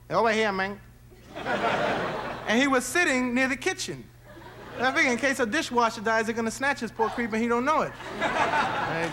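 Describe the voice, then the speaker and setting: A man doing a fast, punchy stand-up comedy set on stage, slipping into funny character voices. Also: extremely high pitch. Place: comedy stage before a live audience. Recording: 1970s TV broadcast with loud crowd noise.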